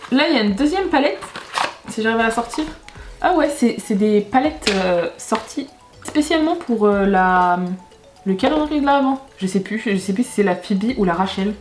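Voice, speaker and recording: Her voice fairly high and the room echoey, a young beauty vlogger talks casually through a makeup unboxing. She frequently breaks off mid-sentence to restart or correct herself.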